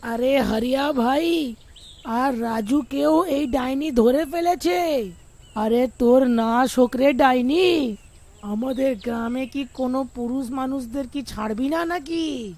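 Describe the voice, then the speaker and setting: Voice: high-pitched, slow pace, darkish tone. A woman voicing a captive male villager in a cartoon, cursing in despair.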